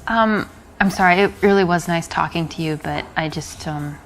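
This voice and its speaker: Reserved young woman, low voice. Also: normal speed, low-quality recording. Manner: brief, polite, reserved answers. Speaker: woman approached in a café. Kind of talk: casual chat.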